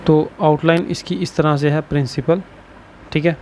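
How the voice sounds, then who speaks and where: A man's voice: fairly high pitch, level tone, darkish tone, slight background noise. Man teaching with "ठीक है" tags. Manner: says "ठीक है" after nearly every phrase, repeats words slowly. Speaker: shorthand teacher. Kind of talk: explaining lesson.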